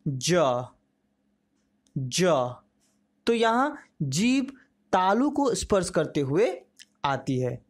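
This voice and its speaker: A teacher giving a slow, carefully articulated pronunciation lesson, demonstrating sounds and reading out word lists for practice. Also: mid-range voice, very animated. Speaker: Hindi teacher.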